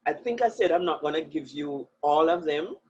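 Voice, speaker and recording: A woman's voice: low voice, lively intonation, moderate pace, slightly rough. A woman speaking as a guest in an interview, talking earnestly and with emphasis, often breaking into laughter. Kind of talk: reflective interview talk. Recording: muffled lo-fi audio.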